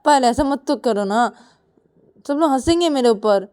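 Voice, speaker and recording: A woman doing a shrill, indignant young woman. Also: expressive, moderate pace, natural voice. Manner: high, loud, scolding.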